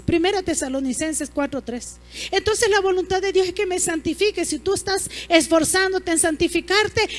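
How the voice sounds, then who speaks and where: A woman pastor, preaching a sermon emphatically and asking the congregation rhetorical questions. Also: extremely high pitch.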